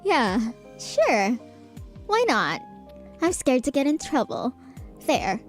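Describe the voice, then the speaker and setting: A woman voicing a blunt, teasing, weary young woman who flares up in loud outbursts. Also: high-pitched, huge pitch swings, slow, soft background music, full character voice. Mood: defensive.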